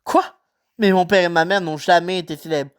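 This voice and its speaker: A woman's voice: lowish voice, steady tone, fairly quick, clear, resonant tone, natural voice. A woman voicing a polite, bewildered young boy who asks hesitant, puzzled questions.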